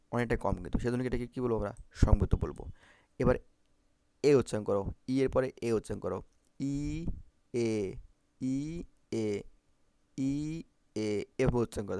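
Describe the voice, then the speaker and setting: Gravelly-voiced male Bangla teacher. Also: mid-range voice, dark tone, no echo. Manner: repeats vowel sounds and checks often with "ঠিক আছে?". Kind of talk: exam-prep phonetics lesson.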